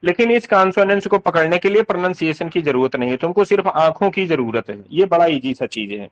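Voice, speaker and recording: A man teaches English literature terms in casual speech. He explains slowly, repeats sounds and often checks that students are following. His voice is on the high side and animated, and the highs are cut off.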